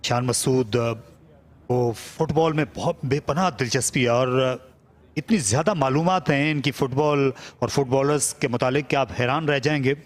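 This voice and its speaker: Mid-pitched Pakistani male cricket commentator. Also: normal speed. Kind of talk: live play-by-play cricket commentary.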